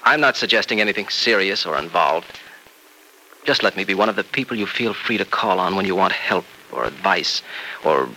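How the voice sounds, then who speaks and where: An actor playing a kind, reassuring young male doctor in a 1940s radio drama, speaking gently and earnestly. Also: low-pitched, expressive, moderate pace, a little hiss or hum, exaggerated voice, poor audio.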